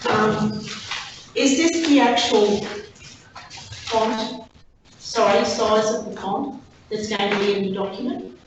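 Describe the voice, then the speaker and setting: A woman's voice: medium pitch, fairly even intonation, takes it slowly, long pauses. An Australian woman councillor asking a question at a meeting, hesitant and searching. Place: council chamber. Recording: echoey, distant, noisy room recording.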